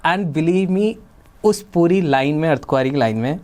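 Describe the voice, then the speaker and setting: A young man with a Delhi Hindi accent hosts a podcast and tells a personal story. His voice sits a little high for a man, and he slips into the voices of the people he quotes. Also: expressive, normal speed, darkish tone. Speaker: podcast host.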